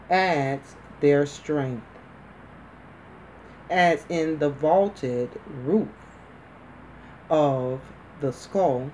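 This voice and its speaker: A woman dictates medical text as an instructor, at an extremely slow, measured pace. Her voice is on the mellow side and she breaks the text into short, deliberate phrases. Faint noise sits behind her. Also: deep voice, poor audio.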